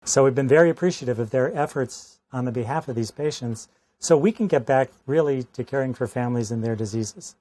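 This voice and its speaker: Measured American doctor in a dry recording. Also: male voice, medium pitch, a little mellow, no room sound. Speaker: pediatric oncologist. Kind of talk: personal testimonial.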